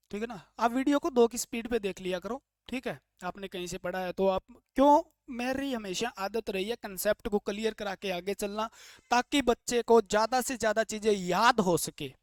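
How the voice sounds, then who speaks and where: Male teacher, mid-pitched, dry close sound, quizzes the class and answers his own questions. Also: dry recording. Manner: asks questions and answers them himself, drilling key points; plain, chatty and jokey explaining. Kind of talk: classroom lecture.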